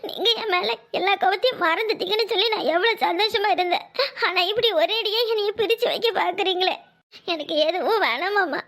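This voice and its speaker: Woman voicing a squeaky devoted young wife, pleading, sing-song, quick, cartoon. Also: bright, forceful tone. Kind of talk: cartoon voice acting.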